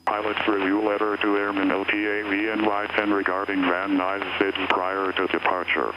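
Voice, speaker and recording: Deep-voiced man on an airport radio broadcast. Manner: measured, even delivery of numbers and notices. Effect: automated airport information broadcast heard over an aircraft radio. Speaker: recorded airport weather and information broadcast. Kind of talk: flat, scripted reading of airport information. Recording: muffled aircraft radio with loud background hum.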